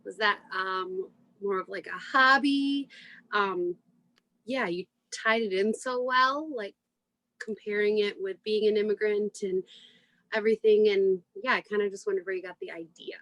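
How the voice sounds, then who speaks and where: A woman asks an author a question over a video call, casual and a little hesitant, padding her words with likes and ums. Her voice is bright and sharp, and the sound is dry and close. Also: mid-range voice, moderate pace, dry recording, poor audio. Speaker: book club reader asking a question.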